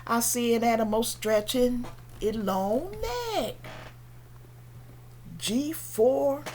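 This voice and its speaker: A woman teaching young children in a slow, sing-song way, with playful animal sounds. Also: on the high side, lively intonation, a little mellow. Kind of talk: singalong children's lesson.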